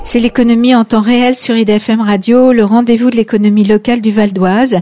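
Woman radio host, warm voice. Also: fairly high pitch, fairly even intonation, fairly quick, faint music behind. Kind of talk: radio interview.

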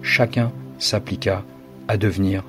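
A man reading a story aloud in a dramatic, measured narration. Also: fairly low pitch, fairly even intonation, over music.

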